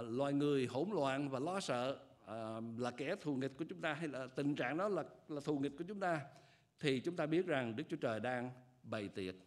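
An older man delivers a sermon from a church pulpit into a pulpit microphone. His delivery is measured and earnest, with frequent hesitation fillers as he explains each point. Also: on the high side. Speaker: pastor.

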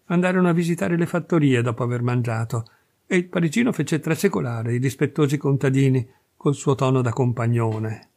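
A man reading a classic short story aloud as an audiobook, with measured, expressive narration. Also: medium pitch. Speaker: reader.

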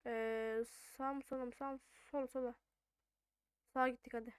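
A woman's voice: high voice, little pitch movement, a little fast, clear, resonant tone, no echo. A woman giving casual gameplay commentary, thinking aloud in an informal way as she plays. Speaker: gaming video host.

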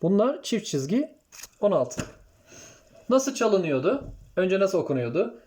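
A man's voice: high-pitched, very animated, measured pace, darkish tone. A man teaching a music lesson, counting beats aloud and checking in with his students. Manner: counts beats and sings note names aloud; addresses students directly, checks "okay?". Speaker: kemenche teacher.

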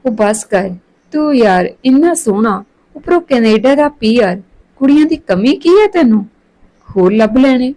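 A woman's voice: fairly high pitch, animated, unhurried, warm tone, low-quality recording. A woman voicing a blunt young man who teases and questions his friend. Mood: brusque.

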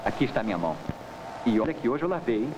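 An actor playing a breezy young charmer with a Brazilian accent in 1950s film dialogue. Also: male voice, mid-range voice, sing-song, fast, close to an everyday voice. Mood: cocky, teasing. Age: young adult. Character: cocky, teasing young charmer, a breezy malandro. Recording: noisy old film soundtrack.

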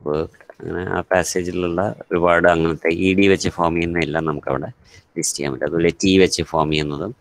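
A man's voice: deep voice, little pitch movement, fast talker, no room sound. A man with a Malayali accent teaching English grammar in an online class, switching between Malayalam and English and calling on students by name.

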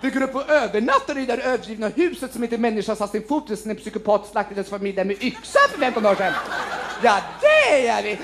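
A man's voice: high-pitched, sing-song, fairly bright tone, exaggerated voice. A man on stage voicing an eager, dumb teenage boy from a horror film, delivering cheesy lines. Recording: noisy old TV tape, live audience laughing.

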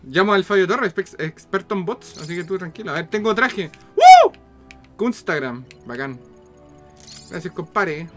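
A man with a Chilean accent giving casual, slangy, foul-mouthed and excitable commentary as he streams a video game. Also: sits high, moderate pace. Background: game music.

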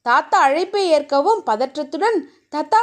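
A woman narrating a serialized romance novel in a steady storytelling manner. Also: high voice, moderate pace.

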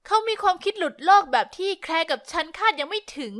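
A young woman narrating a first-person story in a lively, confiding way. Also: very high voice, quick pace. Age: young adult.

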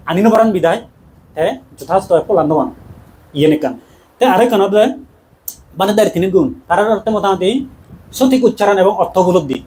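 A Buddhist monk gives a dhamma talk in a high-pitched, mellow voice. His preaching is quick and conversational, broken up with laughs.

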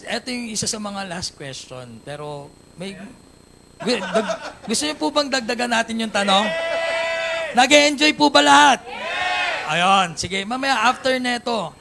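A man's voice: sits high, gravelly, background noise. A Filipino man hosting a live company event, playful and joking with the guests and audience. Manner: playful, jokes with guests and crowd. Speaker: event host.

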